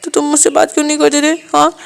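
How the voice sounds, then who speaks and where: A woman's voice: sits high, completely flat delivery, fast, vocal fry, voice pushed up. A woman voicing a clingy, tearful young man who stammers and pleads with his lover.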